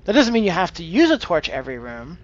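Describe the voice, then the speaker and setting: This game streamer has a high voice whose pitch swoops wildly, and he talks fast. He hesitantly thinks aloud while playing, tossing out casual tips and exclamations at the game. The audio has its high frequencies cut off.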